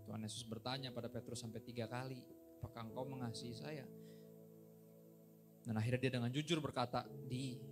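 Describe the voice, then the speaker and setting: A middle-aged male pastor giving a casual, joking sermon in a church, slipping in English phrases and getting loud and high when excited. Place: church hall.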